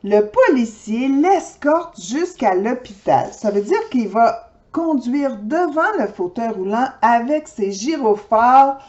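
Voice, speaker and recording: A woman's voice: fairly high pitch, highs cut off. A woman reading a children's picture book aloud, talking straight to young listeners. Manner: lively, slow and expressive, talking directly to children. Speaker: storyteller. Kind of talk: children's storybook read-aloud.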